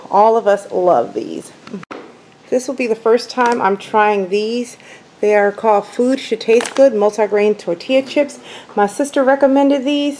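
In her home kitchen, a vlogger chats enthusiastically through her grocery haul, rundown-style, while rain falls faintly outside. Her mid-range voice is a little mellow, and the low-quality recording carries slight background noise.

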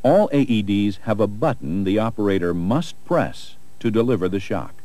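Mellow, low male instructional narrator. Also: animated, normal speed. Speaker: narrator of a first aid training video.

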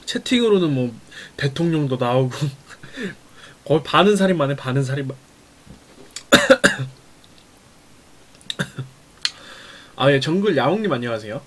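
A man's voice: fairly high pitch, lively intonation, takes it slowly, pauses often, fairly bright tone. A young man live-streaming a meal, reacting to viewer chat with teasing, laughing remarks and muttering between bites. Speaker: mukbang streamer.

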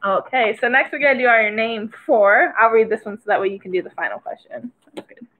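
A woman's voice: a little high, a little fast, narrow, tinny audio, slight background noise. A young woman with a Michigan accent, casually hosting a trivia quiz and chatting between questions. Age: young adult. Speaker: trivia host. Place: small indoor room by a window.

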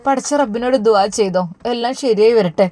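A woman's voice: a little high, brisk, dark tone, lightly acted. Casting: a woman voicing a tender anxious mother. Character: worried loving middle-aged mother.

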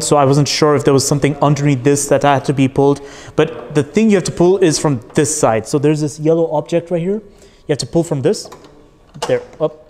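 A man's voice: on the high side, darkish tone, a little hiss or hum. A man giving a casual, candid car review walkthrough, chatty with frequent fillers.

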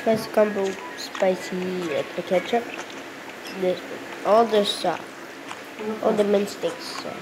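A woman casually commenting on a cooking game as she plays, thinking aloud in halting bits. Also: mid-range voice, fairly even intonation, noisy background. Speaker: gameplay commentator.

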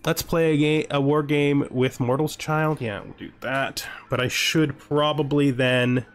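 Over soft background music, a man with a slightly high, smooth voice offers unhurried, casual commentary as host of a strategy game let's-play. His intonation stays fairly even as he reads event text and mulls things over aloud, posing himself questions.

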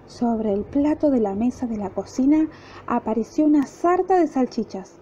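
Expressive woman reading a fairy tale. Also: high-pitched, normal speed. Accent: Argentine Spanish. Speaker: teacher. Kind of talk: storybook read-aloud. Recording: dull lo-fi recording, faint noise.

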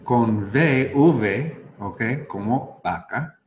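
A man teaching pronunciation to Spanish speakers, speaking slowly and repeating words for listeners to echo. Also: mid-range voice, lively intonation, slight background noise. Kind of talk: bilingual pronunciation lesson. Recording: roomy echo.

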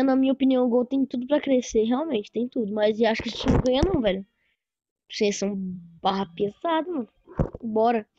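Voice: mid-range voice, darkish tone, dry recording, muffled recording. A gaming streamer from Brazil, chatting casually and slangily while reacting to a video. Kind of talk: casual chat over gameplay.

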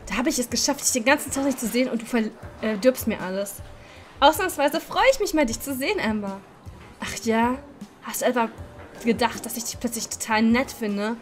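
A fairly high, playful woman reads a dating game aloud and gives a voice to every character. Soft music plays underneath. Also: animated, fairly quick. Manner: playful, laughing at her own slips. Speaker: let's-play host.

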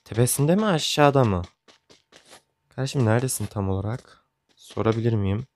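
A man's voice: medium pitch, animated, a little fast, darkish tone. A young man chatting casually as he comments on his own gameplay, joking and grumbling along the way. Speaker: gaming YouTuber.

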